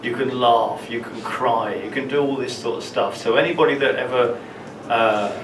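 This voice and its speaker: A man telling a personal story at an open mic, halting and often repeating words as he goes. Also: medium pitch. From London, England. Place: small open mic venue in a room. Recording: roomy, distant, with room ambience noise.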